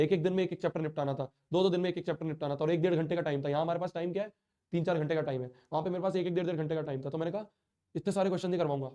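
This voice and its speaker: Man, teacher, live online class, sore throat, stuffy nose, rapid, mellow tone. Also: high-pitched. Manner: hurt, earnest, pleading.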